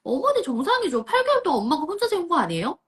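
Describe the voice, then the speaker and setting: A woman's voice: very high-pitched, wildly swooping pitch, racing. A woman parenting counselor on a live stream, giving reassuring advice and speaking directly to mothers.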